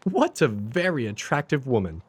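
A man playing a warm-hearted, loyal gentleman doctor in an audio drama, courteous and expressive. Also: mid-range voice, moderate pace, slight background noise. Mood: admiring, eager.

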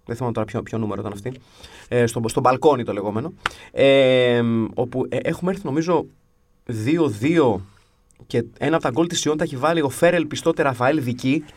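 In a mid-range voice with a dry recording, this half-English man co-hosts a podcast, telling stories in casual conversation. His humor is wry and grumbling.

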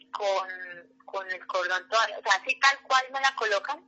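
A woman, a mother telling her birth story as a radio guest in an animated, emotional way. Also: medium pitch, poor audio. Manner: animated, acts out the voices of others.

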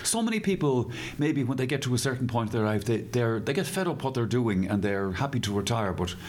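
Man, Irish accent, interviewer, very animated intonation, agreeable, encouraging, conversational. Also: medium pitch, brisk. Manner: agreeable, encouraging, frequent short affirmations.

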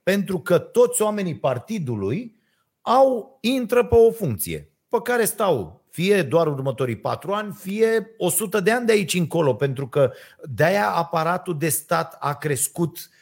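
Man with a slightly high voice; casual, hesitant ranter full of fillers. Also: sing-song, vocal fry, husky. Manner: ranting, hesitant with many fillers. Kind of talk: casual chat.

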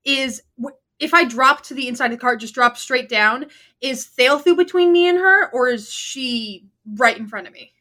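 Bright, high-voiced woman playing tabletop games. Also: moderate pace. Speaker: player in a tabletop game. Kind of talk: casual game chat.

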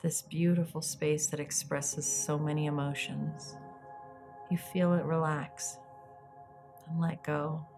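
A woman with a low voice leads a guided meditation over music. Her delivery is soft, breathy and soothing, moving very slowly and leaving long pauses between phrases. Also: flat delivery. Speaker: guided meditation podcast host.

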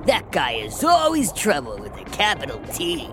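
A woman's voice: low voice, wildly swooping pitch, normal speed, over music. A woman playing a chatty, put-upon sidekick who hosts a children's adventure story in a theatrical, conversational way. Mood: wry. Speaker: story host. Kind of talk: animated children's story narration.

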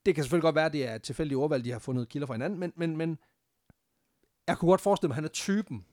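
A man's voice: a little high, a little mellow, dry recording, clean studio sound. A man casually telling a history story on a podcast, laughing often and swearing freely, with English phrases mixed in.

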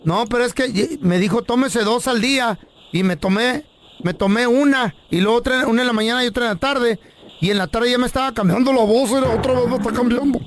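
A man voicing a squeaky-voiced male customer who whines insistently about pills that changed his voice, in a prank phone call. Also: a little fast. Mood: whiny complaint. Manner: whiny, insistent complaining.

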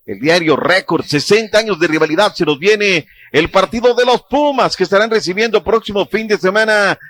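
A man presenting the sports headlines on a morning radio show, brisk and conversational. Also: high-pitched, fairly bright tone. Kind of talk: radio sports news reading.

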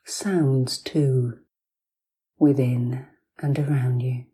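A woman host speaking softly and soothingly in a breathy, near-whispered voice, narrating guided hypnosis like a sleep story, with long pauses between short phrases. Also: extremely low pitch, fairly even intonation.

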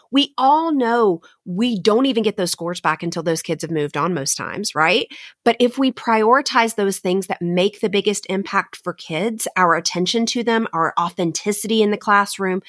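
A woman's voice: mid-range voice, fairly bright tone, no echo, clean studio sound. A woman hosting a motivational solo talk for teachers, speaking in an earnest, direct and encouraging way. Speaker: podcast host and teacher coach.

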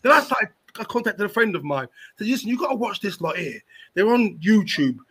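A man's voice: sits high, sing-song, a little fast, a bit bright, a little hiss or hum. A man talking as a panel guest in an impassioned, opinionated, emphatic way, repeating phrases for weight.

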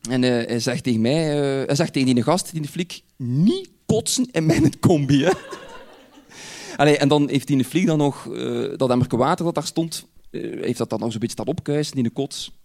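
A man with a Flemish accent, telling a personal anecdote in an animated way and chuckling often as he goes. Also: medium pitch, brisk.

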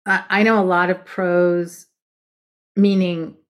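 Female book coach, guest. Lower pitch, blunt and emphatic delivery, conversational. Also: little pitch movement, takes it slowly, dull audio. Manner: emphatic and direct, frank about method. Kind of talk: casual podcast conversation.

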